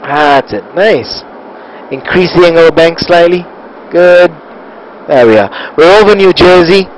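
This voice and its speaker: A man coaching live as a flight simulator instructor, giving short, calm, encouraging step-by-step instructions. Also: fairly high pitch, a little slow, low-quality recording. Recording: steady cockpit-like background noise.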